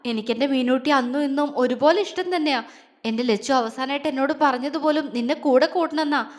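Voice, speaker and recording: An emotional young man, pleading and close to tears, his voice cracking on every line, as a woman storyteller reads him. A long hall reverb hangs behind the high voice. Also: brisk, close to an everyday voice. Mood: tearful tender.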